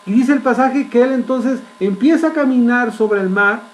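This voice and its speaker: High-voiced man preaching a sermon. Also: low-quality recording. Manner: asks the congregation frequent rhetorical questions; vivid storytelling with dramatic pauses.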